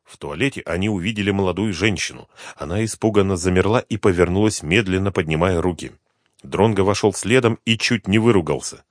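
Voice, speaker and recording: A man narrating a thriller audiobook in a tense, measured reading on a close microphone. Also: sits low, no room sound. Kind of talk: scripted narration.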